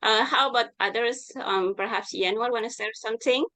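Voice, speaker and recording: A woman's voice: a little high, a little fast, fairly bright tone. A woman moderating an online discussion over a video call with a patchy connection, apologizing and checking that others can hear her.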